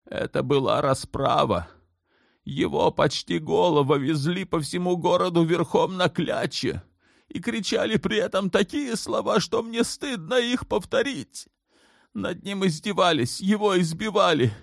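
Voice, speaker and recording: A man's voice: high voice, creaky, no echo, studio quality, voice pushed up, heavily acted. A man playing a stern aging sultana mother. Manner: firm, measured, clipped when pressed. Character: older woman, sultan's mother, stern and commanding. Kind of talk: audiobook character voice.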